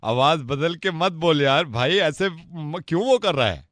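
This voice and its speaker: A male radio host doing prank calls in a dry, close studio sound. His voice sits a little high, and he is playful and mock-offended, pleading and scolding the people on the line. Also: expressive, unhurried, a bit bright, no room sound.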